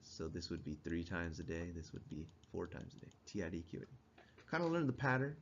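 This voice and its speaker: A man gives a casual classroom lecture in a fairly low voice, stopping to quiz his students and chuckling along the way. The recording is dull and lo-fi, with a faint hiss underneath. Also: big pitch swings, fairly quick. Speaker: instructor.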